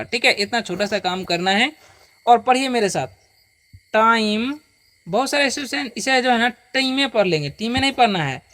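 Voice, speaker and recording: A mid-pitched, slightly bright voice belongs to a patient teacher leading a beginner reading class. Words in English come out slowly, one at a time, for repetition, with frequent checks that the listener is following. The recording is dry.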